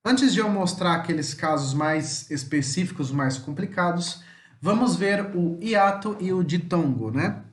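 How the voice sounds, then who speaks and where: A man with a Brazilian Portuguese accent teaching a homeschool language lesson in a chatty way, full of tag questions, sounding out example words slowly. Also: high voice, expressive, roomy sound. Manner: chatty, many tag questions, slow deliberate word examples.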